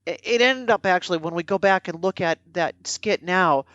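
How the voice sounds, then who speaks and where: Woman, podcast co-host, earnest and reflective, drawn-out vowels, dull dry sound. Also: on the low side, fairly bright tone, dry recording. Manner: reflective, earnest, elongates vowels with a sing-song lilt. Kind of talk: casual conversation.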